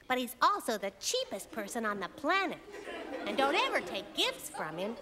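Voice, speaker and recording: A woman voicing a sassy, quick-witted little girl in a cartoon, speaking in a wry, emphatic way. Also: high voice, exaggerated voice. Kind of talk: cartoon voice acting. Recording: background music under dialogue.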